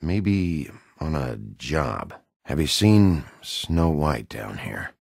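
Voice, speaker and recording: Gruff werewolf detective, extremely low pitch, husky rasp, blunt and brooding, hard-boiled video game delivery. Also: male voice, very animated, extremely slow, darkish tone, no echo, full character voice. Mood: gruff, probing. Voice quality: gravelly, husky. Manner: blunt, dry, brooding interrogator. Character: gruff, weary, hard-boiled Big Bad Wolf detective.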